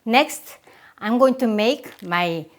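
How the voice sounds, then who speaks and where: A woman's voice: on the high side, expressive, takes it slowly. A middle-aged woman from Korea with a Korean accent, chatting enthusiastically as she demonstrates a recipe in her home kitchen. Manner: chatty, enthusiastic, simple phrasing. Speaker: cooking show host. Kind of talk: cooking demonstration.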